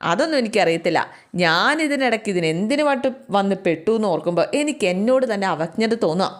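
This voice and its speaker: A woman's voice: medium pitch, expressive, fast, close to an everyday voice. A woman voicing a worried young man who pleads and presses with urgent, coaxing questions. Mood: indignant.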